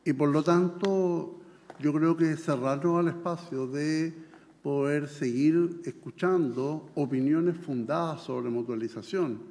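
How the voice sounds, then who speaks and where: A man's voice: fairly high pitch, takes it slowly, a little mellow. A man with a Chilean accent, a legislator arguing emphatically in a committee debate. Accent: Chilean Spanish. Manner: emphatic, argumentative. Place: senate committee room. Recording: long reverb in a hall.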